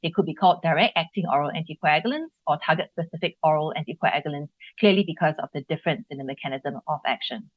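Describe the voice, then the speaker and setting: A woman's voice: deep voice, fast talker, hardly any pauses, no room sound. A woman giving an upbeat, explanatory webinar lecture over a video call. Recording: dull lo-fi webinar audio.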